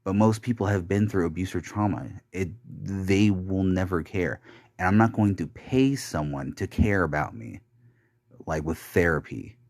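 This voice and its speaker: In a dry recording with clean studio sound, a young man with a deep, slightly mellow voice unloads a bitter confessional podcast monologue. He rambles, curses often, and speaks haltingly, with lots of restarts and fillers.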